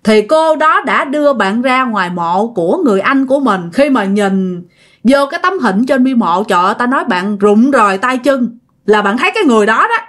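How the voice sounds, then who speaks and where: A woman's voice: fairly high pitch, expressive, fairly quick, a bit bright. A woman with a Southern Vietnamese accent telling a ghost story in a chatty way. She talks straight to her listeners and repeats words to build suspense. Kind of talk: casual ghost-story narration.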